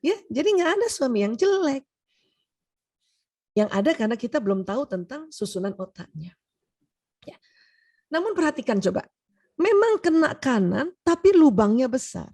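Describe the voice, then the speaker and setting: Woman, seminar speaker, doctor; pitched a bit high; lively, teasing delivery that slips into quoted voices. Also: moderate pace, pauses often. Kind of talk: humorous seminar lecture.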